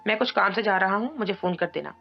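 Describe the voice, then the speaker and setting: A woman voicing a worried father who answers in short, hurried lines in an audiobook drama. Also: medium pitch, creaky, lightly acted. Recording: dull lo-fi audio, faint music.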